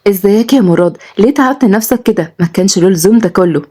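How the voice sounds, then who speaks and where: Lady putting on a higher sweet egyptian girl voice, bashful. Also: fast, slightly rough, close to an everyday voice. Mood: shy. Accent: Egyptian Arabic. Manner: gentle, bashful. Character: shy sweet young woman.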